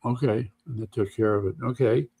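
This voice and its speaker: A man hosting a casual news and chat stream, talking in an unhurried way with dry asides. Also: mid-range voice, steady tone, vocal fry, warm tone, slightly rough. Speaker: podcast host.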